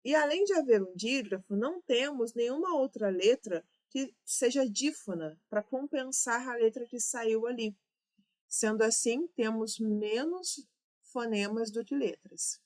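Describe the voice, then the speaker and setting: A woman's voice: a little high, expressive, unhurried, darkish tone. A woman with a Brazilian Portuguese accent teaching an exam-prep grammar lesson, explaining step by step and correcting herself as she goes.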